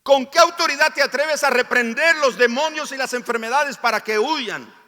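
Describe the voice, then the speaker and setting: Fervent Nicaraguan pastor preaching in a reverberant church. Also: male voice, very high voice, normal speed. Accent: Nicaraguan Spanish. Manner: fervent, rising to near shouts on key phrases. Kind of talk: sermon. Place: church sanctuary.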